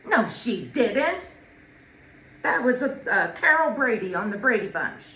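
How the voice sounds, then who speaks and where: A woman delivering a eulogy to family, telling stories in a measured way with dramatic pauses and emphasis. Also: fairly high pitch, sing-song, sharp tone. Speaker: eulogist, daughter of the deceased. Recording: echoey room with faint noise.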